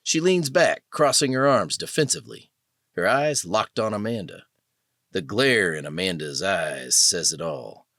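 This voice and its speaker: Expressive low-voiced male narrator. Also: a little slow, no room sound, clean studio sound. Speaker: audiobook narrator. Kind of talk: scripted narration.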